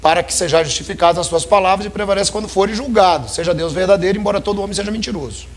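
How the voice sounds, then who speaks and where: A man's voice: high-pitched, rapid-fire, a little hiss or hum. A man preaching a sermon in a church, talking conversationally and calling his listeners brothers.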